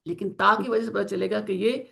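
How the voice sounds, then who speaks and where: A woman teaching Quranic Arabic grammar in an online class, explaining in Urdu mixed with English and slowly drawing out the Arabic example words. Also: mid-range voice, steady tone, creaky, fairly bright tone. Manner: slow drawn-out pronunciation of Arabic example words, asks students to confirm.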